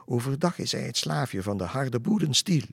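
A man reading aloud, voicing a taunting chorus of rabbits, frogs and squirrels, chanting in a sing-song rhythm. The voice is lifted and loud above his usual husky tone, and the sound is dry. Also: mid-range voice, animated, normal speed, no room sound, voice pushed up, full character voice. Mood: mocking. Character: chanting chorus of mocking forest animals.

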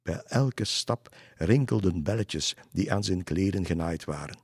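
Male storyteller, very low voice, husky, dry close recording. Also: unhurried, no echo. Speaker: narrator. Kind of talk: storybook narration.

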